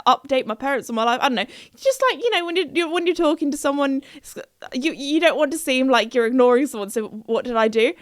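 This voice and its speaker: A young woman hosts a casual podcast, talking about her day in a bubbly, chatty way that often breaks into laughter. Her voice sits fairly high and sounds close and dry, with no room around it. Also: dry recording. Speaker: podcast host. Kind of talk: casual chat.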